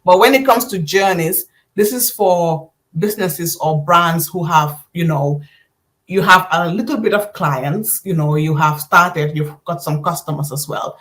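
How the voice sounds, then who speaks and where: A woman's voice: on the low side, measured pace, fairly bright tone. A woman business coach teaching a live online class, talking conversationally, addressing listeners directly and giving step-by-step instructions.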